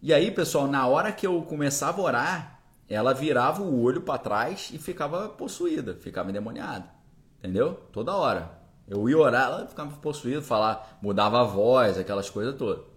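A man's voice: medium pitch, expressive, fairly quick. Man telling a story casually. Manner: conversational, checks in with listeners often. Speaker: podcast host and preacher. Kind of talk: spoken first-person storytelling.

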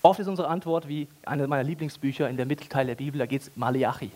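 A man's voice: mid-range voice, fast. A man preaching a casual, ironic sermon with everyday language and humor. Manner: animated, ironic, colloquial.

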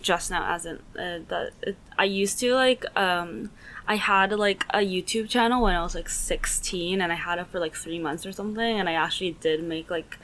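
A woman's voice: medium pitch, fairly bright tone, slight background noise. A young woman co-hosting a podcast, telling stories in a rambling way full of "like" and fillers and laughing often. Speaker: podcast co-host. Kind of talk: casual chat.

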